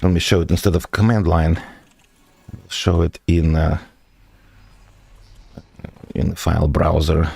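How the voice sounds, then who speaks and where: A man streaming as a software developer, walking through his project step by step, answering viewer questions with frequent hesitations. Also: extremely low pitch, flat delivery, a little slow, gravelly, long pauses, breathy edge. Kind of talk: live stream tech walkthrough.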